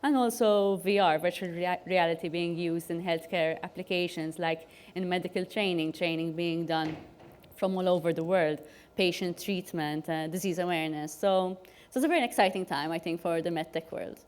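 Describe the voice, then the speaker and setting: A woman's voice: on the low side, normal speed, darkish tone. A woman speaking on a conference panel in a chatty way, often with "you know" and fillers.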